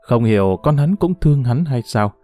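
A man narrating a novel in a measured, expressive storytelling voice. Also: medium pitch. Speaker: audiobook narrator. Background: faint background music.

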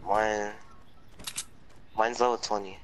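A man's voice: on the low side, little pitch movement, slow, a bit bright, a little hiss or hum, low-quality recording. A man in casual gaming chat with a friend, laid-back and swearing casually while he plays. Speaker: gamer.

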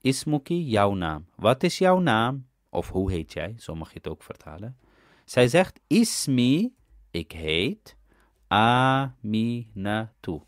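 Slow, animated man teaching Arabic grammar. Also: on the low side, no echo, studio quality. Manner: explains step by step, asks "ja?" to check understanding. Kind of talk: recorded language lesson.

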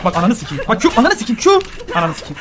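A man streaming a video game, swearing nonstop and flaring into sudden shouts. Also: high voice, huge pitch swings, very fast, background noise. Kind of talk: live gaming commentary.

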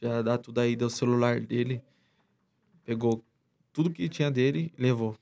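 A man's voice: medium pitch, moderate pace, gravelly, mellow. A man as a podcast guest, retelling a story in a rambling, slangy way with many restarts. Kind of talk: casual storytelling chat.

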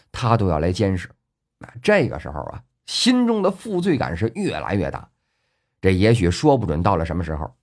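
With a lowish, somewhat dark voice, a man narrates a web novel audiobook in a colloquial storyteller manner, full of drawn-out filler particles.

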